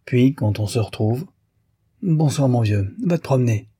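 A man reading aloud voices a bitter, sarcastic young lawyer reproaching a friend, in a dark, husky voice. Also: mid-range voice, expressive, unhurried.

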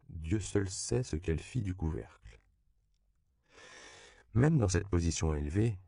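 A man narrating an audiobook in a measured, even storytelling voice, recorded close to the mic. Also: low-pitched, gravelly, clear, resonant tone, no echo.

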